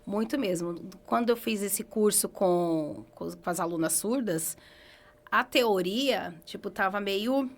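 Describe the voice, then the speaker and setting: A Brazilian woman hairdresser, a guest on a beauty podcast, telling stories lively with quick laughs. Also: mid-range voice. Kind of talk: casual podcast interview.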